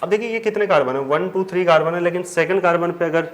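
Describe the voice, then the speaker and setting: A man's voice: sits high, fast talker. A man, teaching chemistry at a board, explaining step by step and answering his own questions. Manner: addresses students as children. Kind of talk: whiteboard lesson. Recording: faint background noise.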